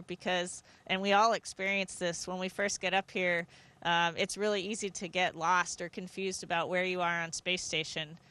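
A woman of around forty with a lowish, sharp-toned voice speaks as an astronaut in an interview inside a space station module. She explains things conversationally into a handheld microphone.

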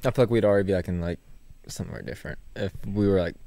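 A young man co-hosting a podcast with a slightly low-pitched voice. He talks in a loose, laid-back way, stringing thoughts together with constant fillers and easy laughter. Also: rapid-fire, vocal fry, mellow, dry recording. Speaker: podcast co-host. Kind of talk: casual chat.

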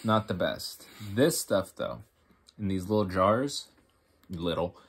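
Low husky man, rambling tasting chat. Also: lively intonation. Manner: rambling, halting, mumbling. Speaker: co-host tasting food. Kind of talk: casual snack review chat.

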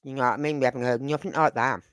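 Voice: medium pitch, fairly even intonation, very fast, fairly bright tone, smooth, no echo. A host in their fifties giving chatty commentary on a true crime channel, asking rhetorical questions. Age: 50s. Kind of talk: casual commentary.

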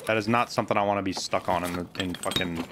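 A man's voice: low voice, steady tone, fast, fairly bright tone, slight background noise. A man giving casual commentary to himself while playing a shooter game, muttering as he loots and swearing now and then. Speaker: gameplay streamer.

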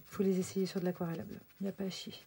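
A young woman chatting casually through an art-supply unboxing, excited and full of fillers and restarts. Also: fairly low pitch, rapid-fire, creaky, husky. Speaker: craft vlogger.

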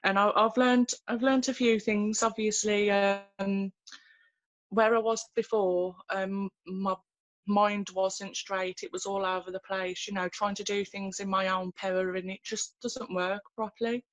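Woman telling her faith story on a webcam call from home, earnest, halting, lots of fillers, pretty flat voice, dry sound. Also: medium pitch, no echo. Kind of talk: personal testimony in a video call. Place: small room at home, indoors. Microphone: laptop webcam on a video call.

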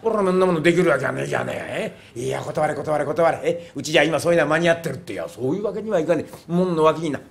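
A man's voice: fairly high pitch, very fast, gravelly, hardly any pauses. Man doing a drawling rustic temple servant. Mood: fretful. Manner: thick country dialect, drawling. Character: slow-witted rustic male temple servant. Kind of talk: rakugo storytelling.

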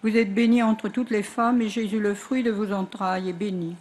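A woman's voice: mid-range voice, normal speed, crowd noise. Woman reciting rosary prayers outdoors. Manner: even recitation, trailing softly at line ends.

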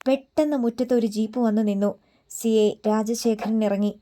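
Bright-- mellow woman narrating a story. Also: fairly high pitch, fairly even intonation, moderate pace. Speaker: audiobook narrator.

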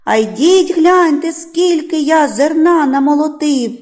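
A cheerful, hardworking storybook rooster calls out loudly in a lifted, lively voice, as a woman puts him on. The voice is slightly raised and ringing. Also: high voice, measured pace, big-room sound. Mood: calling. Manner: bright, calling out loudly.

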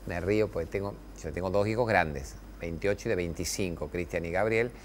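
A middle-aged man with an Argentine accent hosting a TV talk show, giving a motivational spiritual talk to camera with emphatic, preachy delivery and long pauses on key words. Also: sits low, slight background noise. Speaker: TV show host. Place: TV studio with camera crew.

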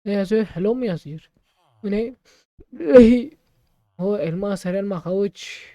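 Mellow muttering gamer man. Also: sits high, dry recording, clean studio sound. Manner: mutters to himself with quick exclamations. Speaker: gamer playing a role-play. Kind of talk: casual let's play commentary.

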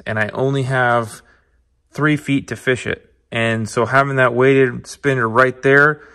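With a bright, forceful, medium-pitched voice, this fishing show host demonstrates tackle on a tabletop in his indoor shop. He keeps it casual and upbeat, chatting directly to the viewers he addresses as "guys."

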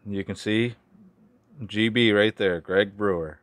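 Here a chainsaw mechanic and video host, his voice on the low side and steady, takes his time during a casual hands-on demo at an indoor workshop bench, speaking offhandedly in short bursts. The recording is clear but has background noise and clicking tools.

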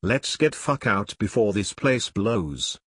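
A man's voice: fairly low pitch, expressive, slow, fairly bright tone, slightly rough, dry recording, studio quality, exaggerated voice. A man reading as a bossy raid leader. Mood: urgent. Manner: urgent, giving orders. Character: strong man leading a raid, urgent and bossy.

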